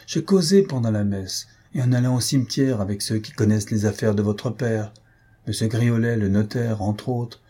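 A man's voice: fairly low pitch, normal speed, dark tone, slightly rough. A man reading an audiobook, voicing a stern, practical middle-aged aunt who lectures bluntly, raised well above his own voice. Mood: scolding. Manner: lecturing, firm and cutting.

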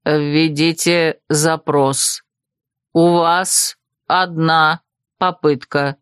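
A woman voicing the slow, even, mechanical system voice of a magic book in an audiobook. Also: low voice, clean tone, dry recording, studio quality, pitched below the performer's own voice. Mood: announcing. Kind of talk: audiobook reading.

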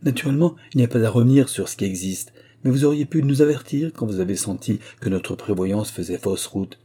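A man voicing a dignified middle-aged princess who gently reproaches in a storybook reading. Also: fairly low pitch, animated, brisk, breathy edge. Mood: reproachful.

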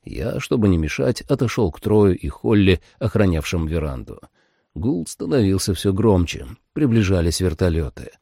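A man narrates a first-person action audiobook with dramatic flair. His voice is low, dark and gravelly with a husky edge. The pitch swings widely as he tells it. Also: sing-song, moderate pace, no room sound, studio quality. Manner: dramatic, voices every character.

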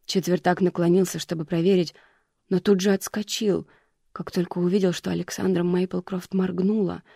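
An audiobook narrator reading a thriller chapter in scripted narration with a steady, even delivery. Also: medium pitch, moderate pace, vocal fry, dry recording, clean studio sound.

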